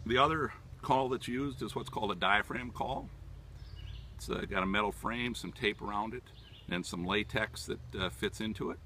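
A man in his sixties giving an informal, halting demonstration as a hunting instructor, explaining things step by step. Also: fairly low pitch, pushed and bright, a little hiss or hum. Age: 60s. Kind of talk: informal outdoor demonstration talk. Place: outdoors in leafy woodland. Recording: distant mic outdoors, natural background sounds.

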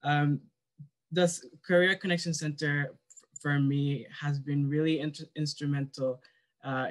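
A young man with a slightly raised voice talks on a video call, stumbling over his words and filling pauses with "uh." He speaks as a student sharing experiences with a panel. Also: fairly high pitch, a bit bright. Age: young adult. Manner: hesitant, many fillers and restarts.

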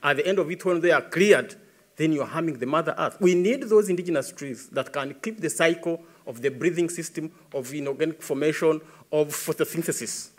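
A man's voice: a little high, brisk. A man in his thirties with a Ugandan English accent, speaking earnestly as an environmentalist answering questions at a tribunal, building emphasis as he goes. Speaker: environmentalist witness. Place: large dark conference stage. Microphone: podium microphone.

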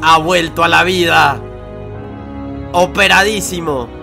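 Young man, high lively voice, excited reaction commentary, loud music behind. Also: takes it slowly, gravelly. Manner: animated, shouts and exclaims, playful slang. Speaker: reaction video host.

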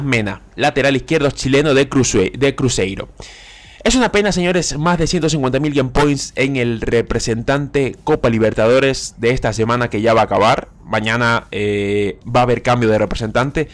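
Guy yelling and chattering over a game pack opening, desk mic. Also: medium pitch, moderate pace. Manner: animated, repeats phrases, cries out at big pulls. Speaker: gaming YouTuber. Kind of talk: excited gameplay commentary. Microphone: desk microphone.

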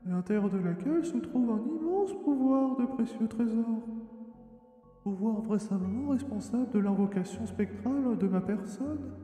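A man's voice: very high voice, animated, moderate pace, dark tone, faint music behind, pitched above the performer's own voice. A man voicing a cryptic summoned spirit through a voice changer filter, speaking in solemn, theatrical pronouncements during a game playthrough. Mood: grandiose. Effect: voice changer filter, echoing. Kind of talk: game let's play commentary. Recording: echoey reverb from voice changer.

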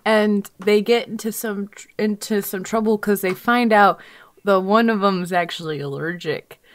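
A woman's voice: mid-range voice, moderate pace. A young woman co-hosting a casual movie podcast, rambling through stories and often breaking into giggles. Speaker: podcast co-host. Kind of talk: casual chat.

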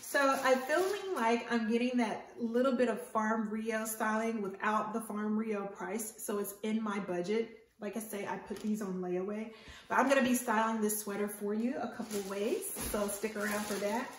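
A woman's voice: a little high, moderate pace, a little hiss or hum. Chatty woman in her fifties, roomy. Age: 50s. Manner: enthusiastic, chatty, talks straight to viewers. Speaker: fashion vlogger. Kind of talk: casual haul and try-on chat. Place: home bedroom.

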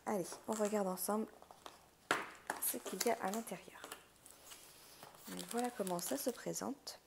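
Woman with gravelly vocal fry, chatting casually. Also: mid-range voice, a little slow. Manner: chatty, thinking aloud. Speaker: craft unboxing host. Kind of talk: casual unboxing chat. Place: indoors at a wooden table. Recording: handling clicks and crinkling noise. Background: crinkling plastic, clicks.

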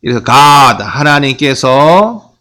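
A middle-aged male pastor teaching English Bible reading, asking and answering his own questions and drawing out English words slowly. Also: medium pitch, very animated, pushed and bright, low-quality recording.

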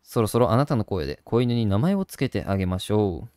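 A man's voice: fairly low pitch, very animated, fast talker, mellow, dry recording, clean studio sound. A man hosting a gaming channel, chatting casually and doting on a virtual puppy while reading the game text aloud.

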